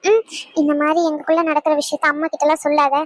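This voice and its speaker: A woman voicing a gentle young sister-in-law in a cartoon, softly reassuring a younger girl. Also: sits high, little pitch movement, rapid-fire, lightly acted. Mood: soothing. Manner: soft, soothing, reassuring. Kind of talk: cartoon voice acting.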